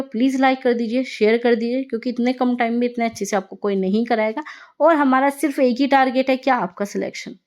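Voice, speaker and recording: Female tutor, fairly high pitch, brisk, keeps checking in with students. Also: darkish tone. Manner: brisk, explains with repeated checks ("ठीक है"). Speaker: teacher. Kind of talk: online exam-prep lesson.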